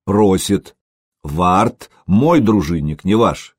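A man voicing a stern young prince who gives slow, authoritative orders. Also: sits low, lively intonation, breathy edge, dry recording, clean studio sound, full character voice.

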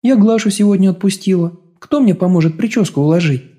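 Pouty young sweetheart, voiced by a male narrator, whiny and high, dark and husky tone. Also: fairly quick. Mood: eager. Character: playful sleepy young woman, pampered sweetheart.

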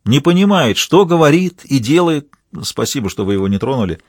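A sullen, firm-spoken man of the house, gruff and short with everyone, his tone husky and low-key, as a male audiobook reader puts him on. Dry, close sound. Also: sing-song, a little fast, no room sound. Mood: tired. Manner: gloomy, curt, firm.

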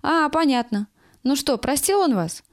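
A woman's voice: sits high, lively intonation, measured pace, dry recording, studio quality, pitched above the performer's own voice. A woman voicing a young, chatty, tactless kitchen aide who prattles indignantly. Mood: chirpy.

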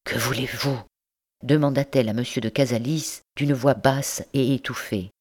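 Woman reading an old novel for an audiobook, calm and steady. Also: rumbling low, moderate pace. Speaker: audiobook reader. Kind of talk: scripted narration of a novel.

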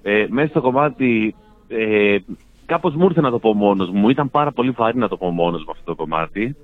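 A man's voice: lowish voice, animated, no room sound. A man calling in by phone, chatting casually with dry, mock self-important humor. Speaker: phone-in guest, radio station director. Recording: tinny phone line.

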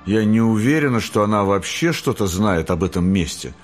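Casual: eager young angel girl, high and animated, man reading her. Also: moderate pace, soft background music, close to an everyday voice. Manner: eager, anxious, breathless.

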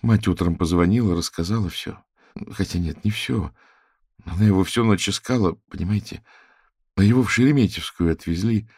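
Distraught young student, halting speech, voice breaking; male reader, low and gravelly. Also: darkish tone, dry recording, studio quality. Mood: subdued. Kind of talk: audiobook character reading.

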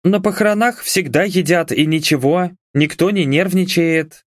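A man's voice: fairly high pitch, normal speed, no room sound, clean studio sound, pitched above the performer's own voice, natural voice. A man putting on a carefree, teasing young woman. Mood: innocent. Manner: breezy, teasing, unbothered. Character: carefree red-haired young woman radio host.

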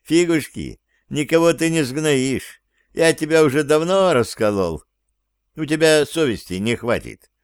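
Man voicing a fretful male henchman, easily offended, clear dry voice. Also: a little high, animated, a little slow, dry recording, pitched above the performer's own voice. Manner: indignant, whiny. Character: fussy, excitable male sidekick.

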